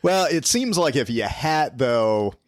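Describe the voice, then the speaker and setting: A man's voice: medium pitch, very animated, unhurried, dry recording, studio quality. A man hosting a call-in story show, chatting casually in a rambling way. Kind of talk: casual co-host chat.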